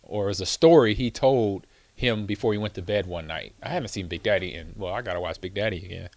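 A man's voice: lowish voice, fast talker, no echo. A man hosting his own show, chatting casually and telling a rambling story full of fillers and laughs. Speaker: show host, former football player. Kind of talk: casual chat.

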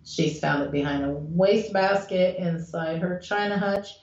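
A woman hosting an evening paranormal talk radio show, telling stories in a measured, deliberate way. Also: on the low side, a little mellow. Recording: dull lo-fi, roomy echo.

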